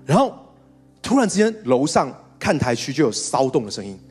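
A man's voice: medium pitch, sing-song, brisk, darkish tone, faint music behind. A male pastor telling a story in a sermon to his congregation, acting out quotes and laughing along with them. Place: church hall with congregation.

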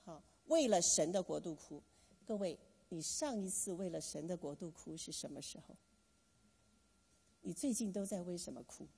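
A woman's voice: on the low side, lively intonation, moderate pace, gravelly, mellow, breathy edge, in a large hall. A woman preaching a sermon, asking the congregation questions and having them repeat phrases back.

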